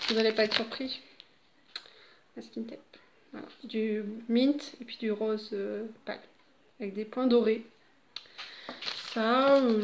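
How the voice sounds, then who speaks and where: A woman's voice: a little high, noisy background. A middle-aged woman at home, chatting casually and rambling with laughs and fillers. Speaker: vlogger.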